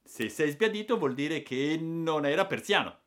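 A mischievous young boy pleads his case with loud indignation, as a male audiobook reader puts him on. The voice sits high and swoops a lot. He sounds wounded and defiant at once, like a storybook rascal. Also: lively intonation, measured pace. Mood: indignant defiance. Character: cheeky young boy, defiant and self-pitying. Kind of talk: audiobook character voice.

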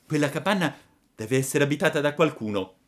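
A man voicing an eager young wooden puppet boy in a storybook reading, earnest and excited. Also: fairly high pitch, a little fast, voice pushed up, natural voice.

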